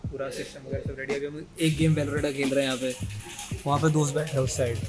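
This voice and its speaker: A young man vlogging on the spot in a busy gaming store, talking to his camera in a lively, joking way. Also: medium pitch, quick pace, music in the background. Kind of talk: on-the-spot vlog chat.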